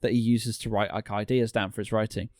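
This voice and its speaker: A man's voice: fairly low pitch, level tone, fast, a little mellow, no room sound. Rambling man in casual chat, dry sound. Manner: rambling, many restarts and "like". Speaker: podcast guest, animator.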